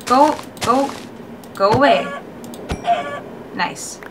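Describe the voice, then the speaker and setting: A woman in her twenties giving casual, excitable gameplay commentary, talking herself through her moves. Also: fairly high pitch, very slow. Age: 20s. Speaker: gamer and streamer. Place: bedroom, indoors. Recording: clear background noise with clicking.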